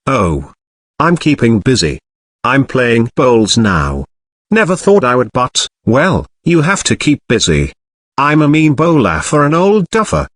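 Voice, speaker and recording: A man voicing an older Yorkshire father, warm and kindly with gruff self-deprecation, in an audiobook. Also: mid-range voice, huge pitch swings, measured pace, no echo, studio quality, heavily acted. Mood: gentle. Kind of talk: audiobook character voice.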